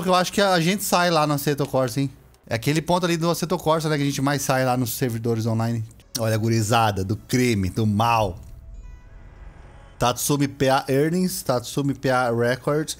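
A young man with a Brazilian accent giving casual, excitable gameplay commentary, full of slang, shouting and laughing at the game. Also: mid-range voice, moderate pace. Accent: Brazilian Portuguese. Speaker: gameplay streamer.

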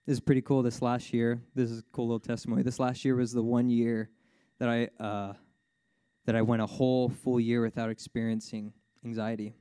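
Warm-voiced man telling an animated testimony. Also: a little fast, clear, resonant tone, no room sound. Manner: animated storyteller, voice jumps high when excited, laughs often; casual, fills speech with "like" and "you know". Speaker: worship speaker at a church service. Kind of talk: sermon testimony told as a story.

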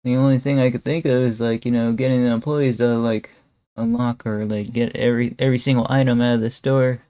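A young man streams a casual reaction from a room at home, speaking into a headset with webcam framing. His medium-pitched voice is warm and fairly even, a little fast, with no echo, and he rambles with plenty of fillers like "bro" and "guys."

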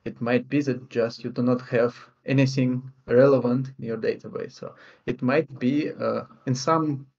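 A man on a video-call panel, talking hesitantly about databases with many "uh" pauses. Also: medium pitch, fairly even intonation, gravelly, a little mellow. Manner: hesitant, many "uh" fillers and restarts. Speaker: panelist, vector database engineer. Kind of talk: technical panel discussion over video call. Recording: dull video-call audio.

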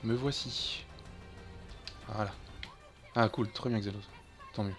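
A man's voice: lowish voice, steady tone, takes it slowly, music in the background. A man streaming a co-op game, chatting casually and swearing when things go wrong. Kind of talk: casual gaming chat.

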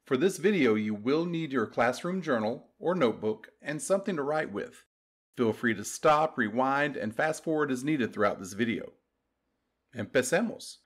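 A man narrating a recorded language lesson in a patient, step-by-step way. His voice sits at an ordinary middle pitch for a man. He reads scripted instructions clearly, like a classroom teacher.

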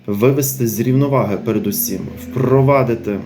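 A man's voice: mid-range voice, brisk, mellow, a little hiss or hum. Hesitant spiritual talk from a man. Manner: unscripted, hesitant, many fillers, repeats phrases, asks "right?". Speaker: religious speaker presenting a series on a saint. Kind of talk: spiritual talk with a devotional greeting.

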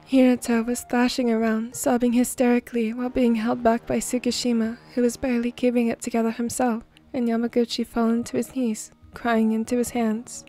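A woman reading a fan fiction story aloud in a soft, even way. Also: fairly high pitch. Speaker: narrator.

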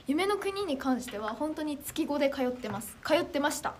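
A teenage girl from Chiba chatting casually on a livestream, reading viewer comments in a bubbly, animated, self-deprecating way. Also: high voice, moderate pace, slight background noise. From Chiba, Japan. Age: teens. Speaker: idol trainee streamer.

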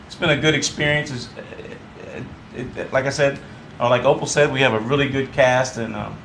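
A man's voice: mid-range voice, fairly even intonation, moderate pace, vocal fry, a bit bright, echoey room, a little hiss or hum. Hesitant man, stage actor. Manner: hesitant, with restarts. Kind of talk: talk show interview.

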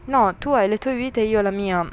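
A woman voicing a secretive, remorseful young man who speaks in a slow, subdued way, in an amateur fan voice-over of a story game. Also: mid-range voice, slight background noise, lightly acted.

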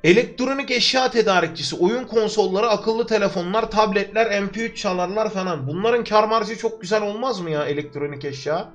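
A man's voice: high-pitched, a little fast, hardly any pauses, a bit bright, soft background music. A young man from Turkey livestreaming a game from his room, chatting with viewers and joking to himself as he plays. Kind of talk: live gameplay commentary. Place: home room. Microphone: desk microphone.

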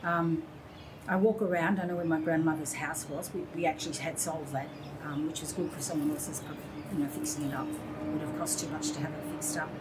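Brisk and low-voiced, this Australian interview guest in her sixties tells lively stories from her past, performing the voices of the people she quotes. The recording, made indoors near large windows, is very noisy.

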